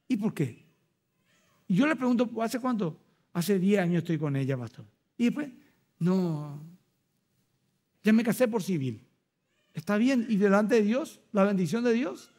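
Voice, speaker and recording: A man with a Paraguayan Spanish accent preaching a sermon as pastor, animated and acting out little dialogues with rhetorical asides. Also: sits high.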